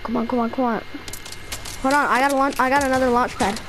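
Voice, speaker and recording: A video game player chatting excitedly and casually with squadmates in slangy frat-bro talk full of "bro" and "bruh". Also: sits high, fast talker, noisy background.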